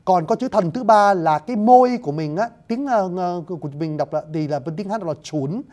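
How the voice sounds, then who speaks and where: This lecturer's male voice sits high and sounds animated, brisk, and a little mellow as he walks through classical poetry word by word. Polite remarks to his audience and hesitant fillers come up often.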